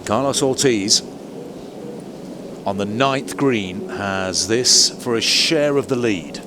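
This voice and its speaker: A man commentating on live golf as a play-by-play announcer, moving between measured description and excited lifts. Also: fairly low pitch, noisy background. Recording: commentary over music and outdoor ambience. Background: music.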